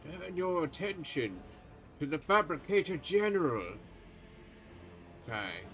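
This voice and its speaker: Brief: a man playing a stern, pompous old male pontifex for a tabletop game, formal archaic delivery, slightly raised pitch. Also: very animated, takes it slowly, fairly bright tone, faint music behind, heavily acted, poor audio. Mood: accusing. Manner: formal archaic speech, haughty and accusing.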